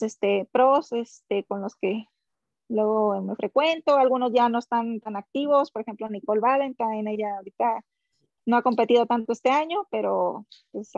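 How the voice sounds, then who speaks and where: Mexican woman athlete guest, a bit high-pitched, filler-heavy chat, lo-fi dry remote line. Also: a little mellow, no room sound. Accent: Mexican Spanish. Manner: rambling, many fillers like "este" and "o sea". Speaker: guest, professional triathlete. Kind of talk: casual conversational interview.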